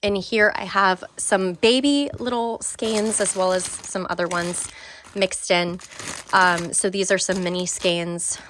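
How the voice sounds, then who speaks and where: A young woman with a slightly low voice gives a casual tour of her home craft room. She chats along warmly and enthusiastically, often trailing off with fillers and small restarts as she shows each item. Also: fairly even intonation, unhurried, a little hiss or hum. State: briefly out of breath. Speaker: craft vlogger.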